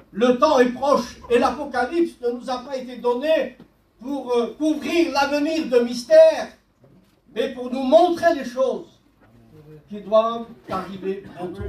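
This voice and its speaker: A man preaching a sermon as pastor, speaking slowly and deliberately and quoting scripture. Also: very high-pitched, a little mellow. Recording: echoey church hall, mic at a distance.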